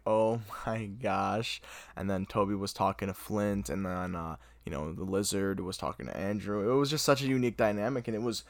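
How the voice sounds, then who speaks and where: A young man hosting a podcast, reviewing a movie in casual chat, excitable and gushing, with lots of filler words. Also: fairly low pitch, dry recording, studio quality. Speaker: podcast host.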